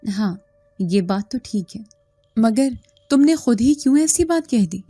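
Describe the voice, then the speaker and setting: A bubbly young college girl who teases her friend and breaks into laughter easily, put on by a woman narrator. The voice sits higher and brighter than the reader's own, with little room sound and soft music playing faintly underneath. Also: lively intonation, a little slow, breathy edge, dry recording. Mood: teasing.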